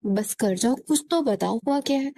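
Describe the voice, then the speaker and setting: A woman's voice: a little high, animated, warm tone, dry recording. A woman voicing an anxious young woman urging her friend to explain herself. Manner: urgent, scolding.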